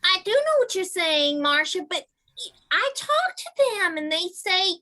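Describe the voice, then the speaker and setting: A woman's voice: very high voice, big pitch swings, a little slow, bright, forceful tone, heavily acted. A woman playing a rambling octopus-talking eccentric. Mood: chatty. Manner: rambling, chatty. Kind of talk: improv comedy.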